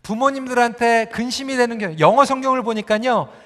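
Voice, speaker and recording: A male pastor preaching a sermon, telling the story in a lively way and speaking straight to the congregation. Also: very high-pitched, quick pace, in a large hall. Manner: animated storytelling, addressing the congregation directly.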